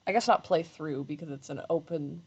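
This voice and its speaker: A woman streaming live while she sews, chatting casually in a rambling, self-deprecating way, with slight vocal fry when she talks low. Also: a little fast, darkish tone, dull audio. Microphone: desk microphone.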